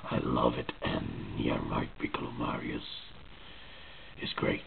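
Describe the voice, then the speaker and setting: A man speaking through a face mask as he shows off a costume mask. He talks in a halting, often whispery way. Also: a bass voice, creaky. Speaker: vlogger showing a costume mask. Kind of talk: casual show-and-tell. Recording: tinny phone-like sound with faint noise.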